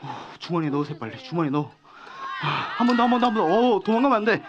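A man's voice: high voice, rapid-fire, dull audio, background noise. A young man hosting an outdoor magic show like a kids' party magician, coaxing children with simple instructions over a headset mic, with music behind. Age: young adult. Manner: animated, coaxing, often calling out loudly to the crowd. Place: outdoor park performance before seated children.

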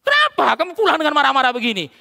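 A man's voice: extremely high pitch, huge pitch swings, racing, gravelly, sharp tone, voice pushed up, full character voice. A man pastor quoting God as he scolds an angry man with stern questions, in a reverberant church. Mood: rebuking.

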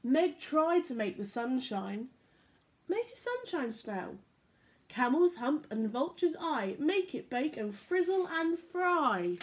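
A young adult woman who tells stories for children at church reads picture books aloud from her living room, recorded on a laptop or phone camera at arm's length. Her fairly high voice goes slowly, animated and playful, complete with sound effects.

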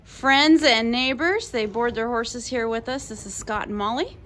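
A woman's voice: a little high, a bit bright. Woman, 30s, farm owner, friendly casual tour, phone-recorded. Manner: friendly, unhurried, introducing animals one by one. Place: outdoors and in a barn on a small farm. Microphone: handheld phone camera.

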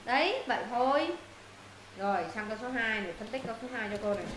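A woman teaching an English lesson to her students, walking them through answers and firing quick questions to check they follow. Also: fairly high pitch, lively intonation, fairly bright tone. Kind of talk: classroom lesson explaining answers. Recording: roomy echo, faint noise.

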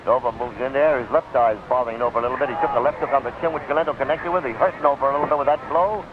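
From ringside at an outdoor stadium, an American man rattles off rapid-fire, blow-by-blow boxing commentary in a medium-pitched voice, styled like 1930s radio. It comes through as a tinny, noisy 1939 radio broadcast recording.

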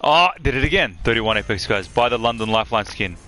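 A young man streaming live from his room on a headset mic, chatting excitedly as he opens game loot. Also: lowish voice, quick pace, a little hiss or hum. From Australia.

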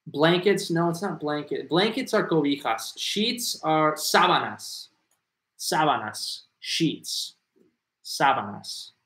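A man hosts a live English lesson, his voice sitting a little high and his delivery slow and unhurried. He greets viewers one by one and flips between Spanish and English as he answers questions. The room around him echoes noticeably. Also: expressive, a bit bright. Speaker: English teacher on a livestream. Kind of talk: live Q&A, reading viewer comments.

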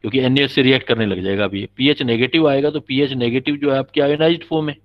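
A man's voice: mid-range voice, fairly even intonation, fast. Patient male chemistry teacher, dull recording. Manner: patient, explanatory, quizzes students and calls them "beta". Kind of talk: classroom lecture.

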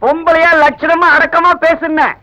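An actor playing a quarrelsome old man in a film who blusters back at a shouting woman. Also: extremely high pitch, level tone, measured pace, muffled recording, noisy background. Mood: indignant. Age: older.

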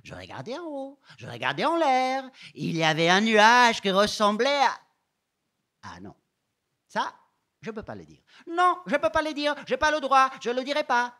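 A man's voice: very high voice, sing-song, moderate pace, bright, forceful tone, exaggerated voice. An actor playing a sulky seven-year-old girl who keeps insisting she did nothing wrong, in a whiny, repetitive stage monologue. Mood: defensive, sulky. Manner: whiny, defensive, repeats herself. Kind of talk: stage monologue performed live.

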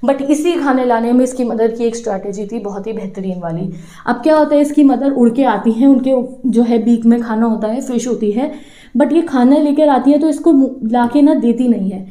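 A woman teacher retelling a story to her students in a lively way, asking them questions as she goes. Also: fairly high pitch, normal speed, echoey room. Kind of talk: storytelling lesson explanation.

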